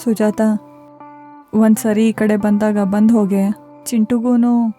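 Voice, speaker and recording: An actress playing an older mother who is sick with fever, speaking wearily and softly. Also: medium pitch, flat delivery, slow, soft background music, close to an everyday voice. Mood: tired. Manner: weary, soft-spoken, unwell. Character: ailing older mother, gentle and tired. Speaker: mother on a phone call. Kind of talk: TV drama acting.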